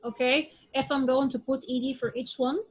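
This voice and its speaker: A woman's voice: sits high, little pitch movement, moderate pace, poor audio. A woman teaching English pronunciation in class, drilling example words one by one and often checking with "okay?". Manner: drills word sounds aloud one at a time.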